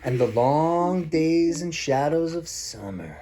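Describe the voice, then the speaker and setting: A man with a somewhat high, mellow voice reads slowly and animatedly from a picture book to a child, as a father would, simplifying ideas and chatting casually along the way. There's a faint hum of background noise.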